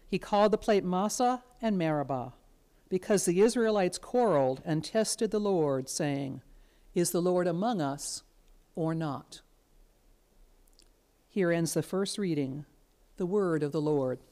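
A woman serving as lector, giving a formal scripture reading in a church in a measured, even way. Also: lowish voice.

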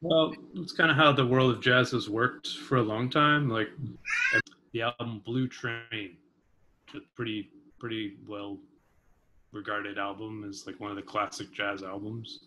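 Speaking a little slowly with fairly low pitch and fairly even intonation, a man in his thirties, a vibraphonist and composer guest, chats casually from his kitchen. Using a video call webcam, he sounds thoughtful and hedges with frequent fillers, and background noise is present.

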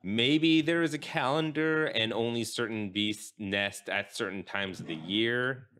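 A young man hosting a casual podcast, rambling and halting with many fillers. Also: medium pitch, a bit bright. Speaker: podcast host.

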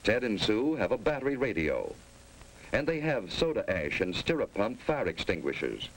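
A man's voice: fairly low pitch, big pitch swings, moderate pace. An American man giving grave, authoritative narration for a 1950s civil defense instructional film. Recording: noisy old 1950s film soundtrack.

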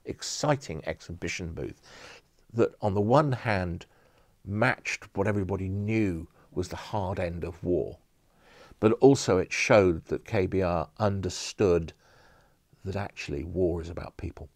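A man's voice: low voice, unhurried, dry recording. A middle-aged man, an event producer, telling enthusiastic rambling anecdotes in an interview studio. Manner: enthusiastic storyteller, rambling with restarts. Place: studio with empty audience chairs.

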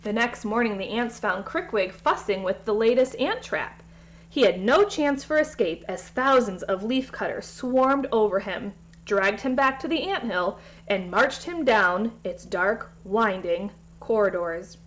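A woman reading a children's story aloud in a gentle way, sometimes speaking directly to the kids. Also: medium pitch, lively intonation, measured pace.

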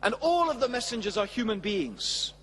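A middle-aged Islamic preacher from England, his voice sitting high in a big-room sound, gives a measured, emphatic religious lecture before an audience on a large studio stage. He speaks into a stand mic at a lectern and uses expressive hand gestures.

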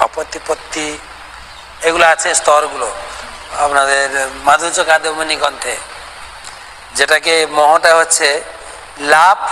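A man giving a devotional scripture lecture and answering listeners' questions, animated, acting out little dialogues and slowly chanting mantras. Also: fairly high pitch. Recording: long hall reverb with faint background noise.

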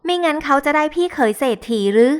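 A woman's voice: high-pitched, expressive, fast talker, voice pushed up. A woman voicing a cheeky younger sister who teases and talks back in an offhand way. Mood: sulky teasing. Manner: teasing, offhand.

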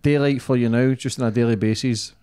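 A man's voice: mid-range voice, fairly even intonation, fairly quick, mellow, smooth. A man in his thirties with a Glaswegian Scottish accent, interviewing casually in informal, sweary language as a podcast host. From Scotland. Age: 30s. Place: small office used as podcast room. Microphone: desk microphone on boom arm.

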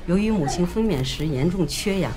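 Casting: woman playing a blunt doctor, very low voice, flat delivery, drama. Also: fairly quick, music in the background, close to an everyday voice. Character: blunt doctor giving bad news.

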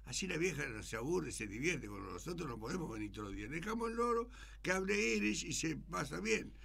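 A man's voice: on the high side, fairly quick, creaky. A man telling jokes on a radio talk show, acting out the characters in his stories. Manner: animated storyteller acting out characters. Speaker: joke-telling radio guest.

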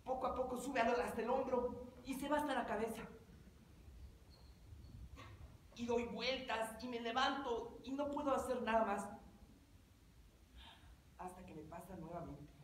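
Actress as anxious male bachelor, low voice, fretful and halting, stage comedy, echoey room, loud noise. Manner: fretful, halting, repeating words. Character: nervous 35-year-old male bachelor, anxious hypochondriac.

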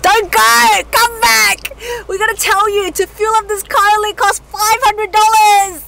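Woman doing a brash australian-sounding hawker, high shouting voice, street noise behind. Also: level tone, a little slow, creaky, heavily acted. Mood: excited. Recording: outdoor traffic noise.

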